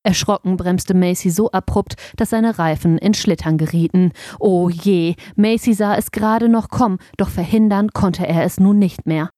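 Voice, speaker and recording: Gentle female storyteller for a kids' audiobook, mellow and dry, close mic. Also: medium pitch, moderate pace, hardly any pauses, dry recording. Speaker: audiobook narrator. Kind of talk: scripted children's story narration.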